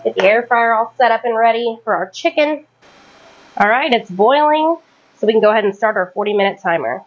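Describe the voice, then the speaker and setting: A woman in her thirties, a home cooking vlogger, rambles casually while cooking in her home kitchen, correcting herself along the way. Her voice is a little high and expressive, and she talks a little fast. The highs in the audio are cut off.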